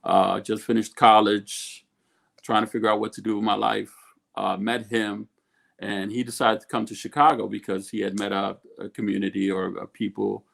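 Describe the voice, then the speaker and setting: A man's voice: on the low side, flat delivery, moderate pace, gravelly, a bit bright. A middle-aged man from Ethiopia, a guest on an interview, talking casually and rambling with many restarts. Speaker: guest, food company co-owner.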